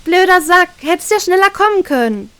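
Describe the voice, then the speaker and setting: Woman reader doing a wounded young pirate girl, high, gravelly, strained and hushed, very echoey. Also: fairly even intonation, unhurried. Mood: snappish.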